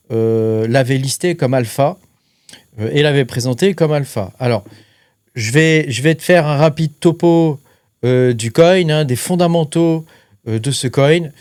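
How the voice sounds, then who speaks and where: A man's voice: mid-range voice, darkish tone, clear, resonant tone, no echo, studio quality. A man hosting a crypto channel, talking casually to the viewer with lots of fillers and a tag question after almost every phrase. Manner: chatty, filler-heavy, keeps adding "hein". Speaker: crypto mining channel host. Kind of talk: casual explainer talking to camera.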